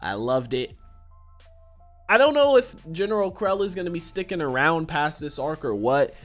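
A man's voice: on the high side, big pitch swings, normal speed, soft background music. A man in his twenties giving casual reaction commentary as host, slangy and profane. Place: small indoor room with shelves.

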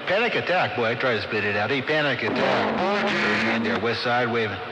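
A man's voice: mid-range voice, sing-song, brisk, over loud music. A man chatting over CB radio in trucker slang, making call-outs and repeating his phrases. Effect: CB radio transmission. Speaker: CB radio operator. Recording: very noisy, echoing CB radio reception.

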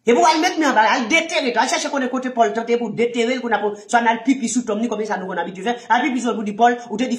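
A man with a Haitian accent, a minister teaching in an impassioned sermon, firing rhetorical questions and swinging from low murmurs to shouts. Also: roomy sound.

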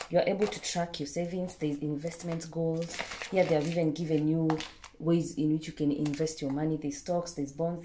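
A young Kenyan woman vlogging from her bedroom, casually showing a planner and pausing with fillers as she pages through it. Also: deep voice, warm tone, a little hiss or hum. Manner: chatty, unhurried, pauses with fillers while leafing through a planner. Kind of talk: casual product show-and-tell. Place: bedroom, indoors.

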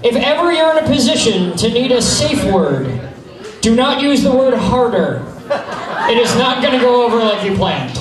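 A male burlesque host works the stage with bawdy, teasing showmanship, his very high voice swooping up and down as he projects to the house. He is recorded from far off in an echoey hall. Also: very animated, moderate pace, crowd noise. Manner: projecting loudly to a live audience. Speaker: burlesque show host and raffle emcee. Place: on stage in a theatre-like venue. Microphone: handheld microphone.

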